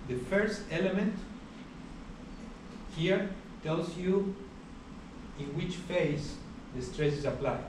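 A young man giving a university lecture in a large hall, explaining steadily with many pauses and uh fillers. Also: high voice, lively intonation. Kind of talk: classroom lecture. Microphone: far camera at the back of the room. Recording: echoey hall recorded from far off, background hiss.

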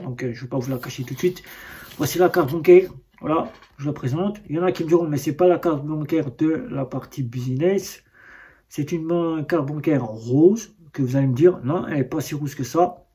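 Un homme qui déballe et commente une carte bancaire sans script, sur un ton hésitant, avec beaucoup d'hésitations et de reprises. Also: male voice, a little high, darkish tone, breathy edge. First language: French. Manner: hesitant, many fillers and restarts. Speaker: vlogger reviewing a bank card. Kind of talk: casual unboxing talk.

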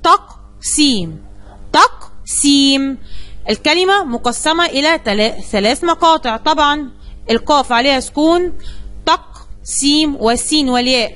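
High-voiced Egyptian woman teacher. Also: fairly quick, a bit bright. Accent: Egyptian Arabic. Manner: explains step by step, addressing the class. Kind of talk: classroom lesson explanation.

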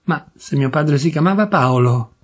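A man's voice: a little high, moderate pace, lightly acted. A man voicing a scheming middle-aged man who speaks with ingratiating, polite courtesy. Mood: smooth, feigned polite.

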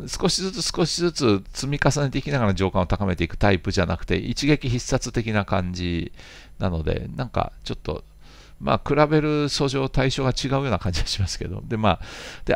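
A man's voice: deep voice, creaky, no room sound. A man in his fifties, host of a jazz channel, reading out viewer comments and answering them in a rambling, chatty way with playful asides.

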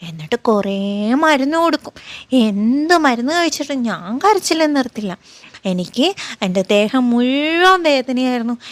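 A cheerful little boy, voiced by a woman, chats to his viewers in a high voice, leaning on friendly tag questions. The sound is close and dry, with no room in it. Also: no room sound. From Kerala, India. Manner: chatty, coaxing, tag-question storytelling. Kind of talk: first-person vlog narration as her child.

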